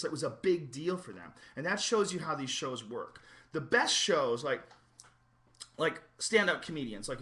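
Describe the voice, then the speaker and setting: A middle-aged man hosting a podcast, telling a story in a profane, animated way, with lots of "like". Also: medium pitch. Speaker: podcast host.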